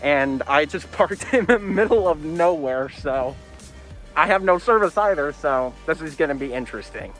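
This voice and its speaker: A young male vlogger talks to his camera while hiking a windy wooded trail, his fairly high, fairly bright voice animated and at normal speed. Chatty and a bit rambling, he narrates himself and gets out of breath on the climb, with soft music in the background.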